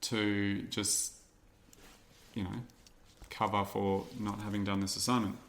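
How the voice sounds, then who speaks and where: Male co-host, young, somewhat low voice, animated storyteller who likes doing other people's voices. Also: measured pace, gravelly, a little hiss or hum. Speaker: podcast co-host; teacher. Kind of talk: casual chat.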